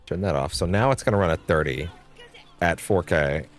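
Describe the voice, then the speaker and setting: A male game streamer gives casual, profanity-laced live commentary, thinking out loud while he plays. His voice is low and his pace normal, with game music playing in the background.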